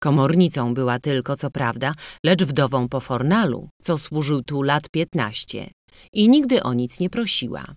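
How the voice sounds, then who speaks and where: Low-voiced woman reading a novel. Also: dry recording, studio quality. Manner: measured, expressive reading. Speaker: audiobook narrator. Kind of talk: scripted literary narration.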